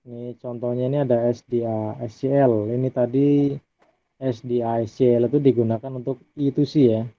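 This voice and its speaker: A man's voice: mid-range voice, moderate pace, dry recording. Guy teaching a class off his slides, laid back, sounds like it's coming down a phone line, super dry. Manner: relaxed, adds tag "ya" often. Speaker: lecturer. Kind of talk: recorded lecture over slides.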